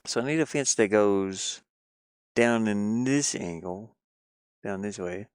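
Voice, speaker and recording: Working on pixel art during a stream, this game developer narrates his process aloud in a casual, playfully muttering way. He speaks slowly in a lowish, clear and resonant voice.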